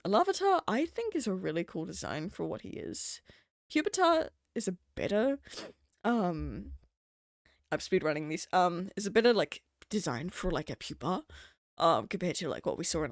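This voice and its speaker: A woman's voice: fairly low pitch, no echo, studio quality. A young adult woman streaming, chatting casually in a rambling, profane way, full of fillers. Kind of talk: casual livestream chat.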